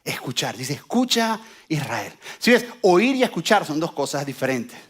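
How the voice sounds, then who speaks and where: A man with a high voice preaches a sermon. He is animated and draws the congregation in with jokes. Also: moderate pace, husky.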